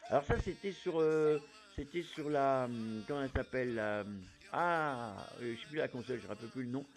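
A man chatting casually as a YouTuber, rambling with plenty of fillers while giving shout-outs. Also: mid-range voice, brisk. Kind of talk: casual chat.

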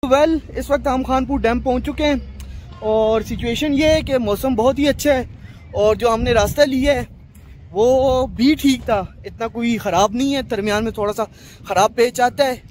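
A chatty man with a Pakistani Urdu accent vlogs outdoors by a lake. His voice sits very high. Faint outdoor noise runs behind him. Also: moderate pace. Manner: chatty, teasing with friend. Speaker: vlogger on camera. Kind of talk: casual travel vlog.

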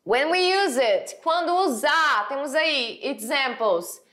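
A woman with a Brazilian accent gives a recorded English lesson in a fairly high voice. She takes her time, repeats the key phrases and slows right down whenever she reads an English example. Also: lively intonation, a bit bright. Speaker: English teacher.

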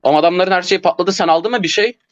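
A man playing an online game with a teammate, swearing constantly and shouting in frustration. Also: sits high, fast talker, highs cut off. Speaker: gamer streamer. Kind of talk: casual gameplay chat with teammate.

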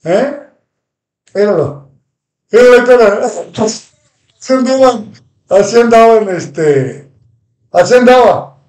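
A Mexican man with a high voice, hosting a live stream and answering viewer comments. He rambles and repeats himself, slinging heated insults. He sounds set back from the mic in an echoey room. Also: lively intonation, takes it slowly, long pauses, darkish tone. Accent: Mexican Spanish. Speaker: livestream host. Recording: roomy echo, distant from mic.

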